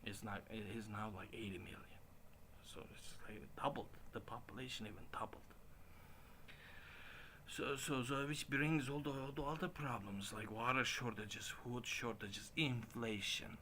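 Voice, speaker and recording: A man in his late forties talking casually in a halting way, with frequent restarts and chuckles. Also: medium pitch, fairly even intonation, pushed and bright, slight background noise. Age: 40s. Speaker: stream host. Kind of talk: casual rambling monologue.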